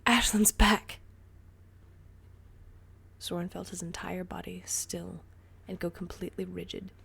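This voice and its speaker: A woman reading a story aloud in a soft, breathy whisper. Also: on the low side, monotone, moderate pace, a little hiss or hum. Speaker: story reader.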